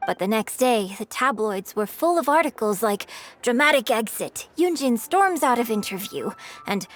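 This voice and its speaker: A composed young opera star. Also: female voice, fairly high pitch, very animated, moderate pace, a bit bright. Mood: earnest. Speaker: game character. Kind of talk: video game voice acting. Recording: game audio with faint music.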